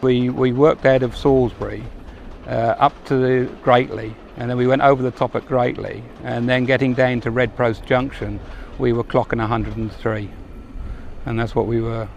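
An older man from England casually reminiscing as a former engine driver, in a halting, rambling anecdotal way. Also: mid-range voice, flat delivery, creaky, a little mellow, lo-fi sound, a little hiss or hum.

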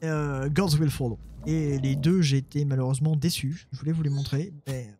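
A man's voice: a little high, fairly even intonation, normal speed, warm tone, a little hiss or hum. A man casually commenting on his own strategy game, talking to his units and mocking himself. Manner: muttering, self-mocking, talks to his units. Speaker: let's play gamer.

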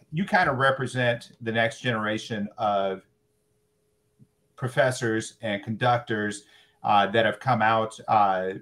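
A man hosting a conversation show, relaxed and affirming, with many "uh" fillers as he sets up questions. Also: medium pitch. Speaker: podcast host. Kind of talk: casual interview hosting.

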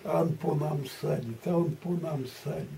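An elderly man, a war veteran, telling a rambling grandpa story in a halting, repetitive, colloquial way. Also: on the high side, steady tone, creaky, warm tone. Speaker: war veteran recounting memories. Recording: distant mic, muffled, background noise.

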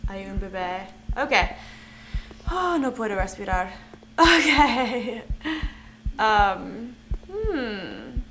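Slow-talking young woman playing a game. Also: mid-range voice, very animated, gravelly, slight background noise. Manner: talks to objects in the game, nervous giggles. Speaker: gamer. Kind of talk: let's play commentary.

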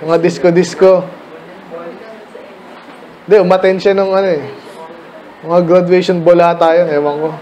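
A middle-aged Filipino pastor giving a casual Bible study talk to children, questioning listeners by name. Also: male voice, high-pitched, level tone, normal speed, long pauses, warm tone, lo-fi sound, slight background noise.

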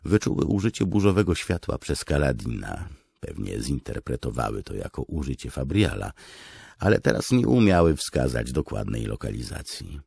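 A man narrates a fantasy novel in a measured, steady reading. His voice is extremely deep and gravelly, with a husky edge, recorded close in a dry studio. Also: no room sound. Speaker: audiobook narrator.

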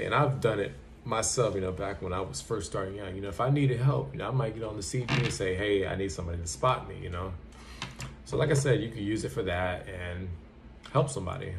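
Addressing the camera from a small, plain room, a young trucker hands out advice in a blunt, casual, repetitive manner. His voice is lowish and gravelly, and a little hiss or hum is audible.

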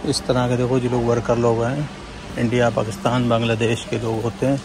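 Holding his phone, a young Indian vlogger gives a walking tour of a big indoor supermarket, talking to viewers conversationally and saying "friends" again and again. He speaks fairly quickly at a medium pitch with little variation, and his voice is creaky against background noise.

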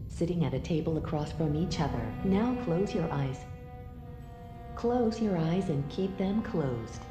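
A woman guiding listeners through an immersive audio performance with calm, measured, commanding instructions. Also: low voice. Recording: echoey recording with music behind.

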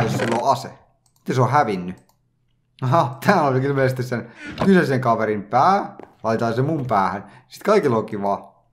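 A man's voice: medium pitch, a little hiss or hum. A man giving casual, joking let's play commentary, reacting aloud to everything he finds in a game. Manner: chatty, joking, reacts aloud to what he sees. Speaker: gaming channel host.

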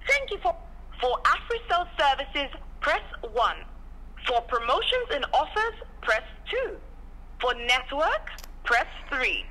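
A woman's voice: high voice, sing-song, takes it slowly, pushed and bright, poor audio. A woman's recorded phone menu message, reading a formal greeting and numbered menu options for a customer service line. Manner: formal, evenly paced recorded announcement.

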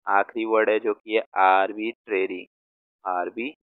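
A man teaching vocabulary in a class, going slowly and repeating each word as he writes it out. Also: fairly low pitch, flat delivery, smooth, no room sound. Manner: slow, repeats words while writing them out. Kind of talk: explaining word meanings in a class. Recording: tinny phone-like sound.

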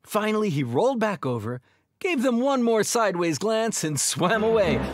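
Expressive male storyteller for kids. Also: high voice, normal speed, no room sound, clean studio sound. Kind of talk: scripted children's narration.

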